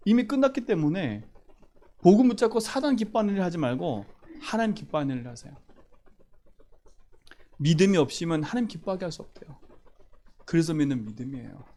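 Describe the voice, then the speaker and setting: A man delivers a sermon in a church. His voice sits high and leaps up and down in pitch. He hammers key phrases and keeps asking the listeners questions. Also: a little mellow. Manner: emphatic, repeats key phrases, asks the congregation questions. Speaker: pastor.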